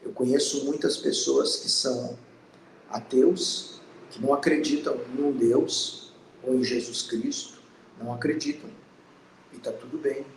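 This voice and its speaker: A man in his fifties from Brazil, hosting a spiritual channel and giving a slow, earnest, reflective monologue. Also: medium pitch, reverberant, a little hiss or hum, poor audio. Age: 50s. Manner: slow, pausing, earnest and introspective.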